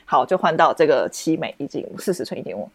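Young woman, podcast host, lively swooping pitch, dry close sound. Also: rapid-fire, gravelly, dry recording. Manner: animated, expressive, lots of restarts and exclamations. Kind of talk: casual storytelling chat.

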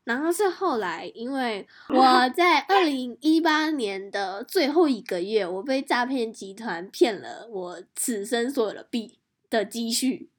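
A woman hosting a podcast, telling a personal story in a lively, animated way with quick restarts. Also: a little high. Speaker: podcast host. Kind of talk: casual podcast chat.

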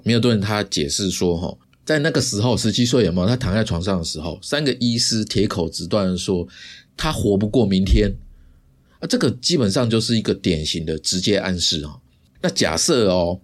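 A man, hosting a podcast and telling a story in a casual, explanatory way with lively asides. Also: on the low side. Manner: chatty, drawn-out sentence endings, lively asides. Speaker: podcast host.

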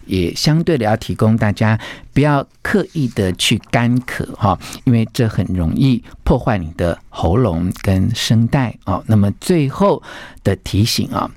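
Lively, gently coaxing man. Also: mid-range voice, no room sound, studio quality. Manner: gentle and coaxing, ends phrases with soft particles; demonstrates word stress, voice rises and falls widely. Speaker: podcast host. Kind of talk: podcast voice coaching talk.

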